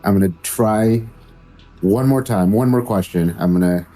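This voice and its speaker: Guy playing a tabletop game, low mellow voice, hesitant, swears casually. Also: moderate pace, faint music behind.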